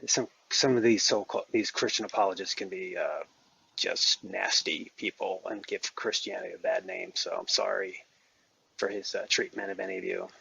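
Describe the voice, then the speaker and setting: A shaken man on a live audio chat, talking in halting, apologetic bursts full of stammers. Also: low-pitched, gravelly, bright, forceful tone, husky, lo-fi sound. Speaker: Clubhouse speaker.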